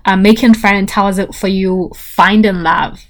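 A woman's voice: medium pitch, steady tone, a little slow. A woman with a French accent hosting a casual chat podcast, teasing and pressing her guest with questions. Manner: teasing, playfully interrogating. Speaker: podcast host.

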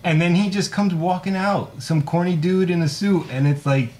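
A man's voice: high-pitched, normal speed. Opinionated man chatting about a film. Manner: animated, opinionated, swears casually. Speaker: podcast co-host. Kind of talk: casual film discussion.

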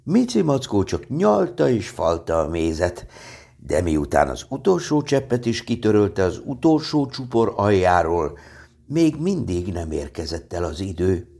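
A man calmly reading a children's storybook aloud. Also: low-pitched, creaky, breathy edge.

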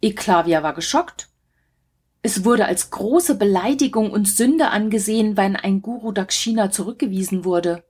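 Breathy woman narrating a myth. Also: medium pitch, animated, moderate pace, darkish tone. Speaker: storyteller. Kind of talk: scripted storybook narration.

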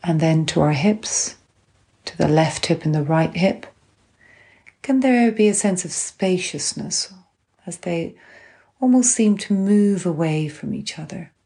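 A woman instructor calmly and gently guiding a grounding exercise, unhurried, with long pauses between phrases. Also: lowish voice, gravelly. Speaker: guided relaxation instructor. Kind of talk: calm guided grounding exercise.

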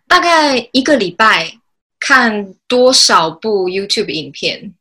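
A woman's voice: medium pitch, big pitch swings, takes it slowly, sharp tone. A woman from Taiwan with a Taiwanese Mandarin accent, hosting a casual interview as a language teacher. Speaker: podcast host, Mandarin teacher.

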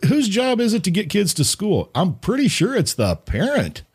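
Husky middle-aged man, lively storyteller. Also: sits high, moderate pace. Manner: storytelling, acts out the people in his anecdotes. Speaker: podcast host. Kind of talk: casual podcast chat.

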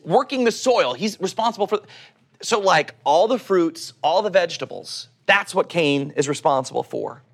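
Male preacher, middle-aged, Oklahoma accent, somewhat high voice. Conversational, teacherly delivery of scripture. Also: lively intonation, normal speed, vocal fry, slightly rough. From Oklahoma, United States. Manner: teacherly, asks rhetorical questions and answers them. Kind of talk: conversational sermon with scripture reading.

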